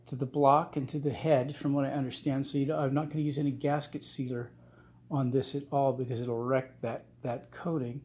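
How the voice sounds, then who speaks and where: A middle-aged man giving a casual workshop how-to, talking in a halting way with many fillers and restarts. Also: medium pitch, darkish tone. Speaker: channel host restoring cars. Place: home garage workshop, indoors.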